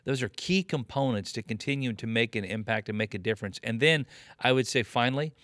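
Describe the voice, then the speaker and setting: A man in his late fifties speaks with a pastor's earnest, emphatic cadence and leans on repetition to drive his points home. His voice sits at an ordinary pitch. It is recorded close and dry, with no room sound. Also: brisk, fairly bright tone, no echo. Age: 50s. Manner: earnest preacherly, emphatic repetition, frequent "you know" and "man". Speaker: pastor and guest. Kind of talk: conversational interview on ministry leadership.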